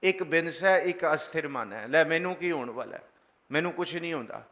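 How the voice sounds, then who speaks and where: A man preaching a sermon, slowly reciting verses and then explaining them, leading the congregation in chanting. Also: on the high side, animated, bright, forceful tone. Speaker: Sikh preacher giving scripture commentary.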